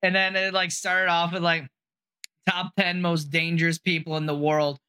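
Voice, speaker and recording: Bright-voiced young man, laughing podcast host. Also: fairly high pitch, little pitch movement, normal speed, clean tone. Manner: crude, laughs a lot, profane. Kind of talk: casual chat.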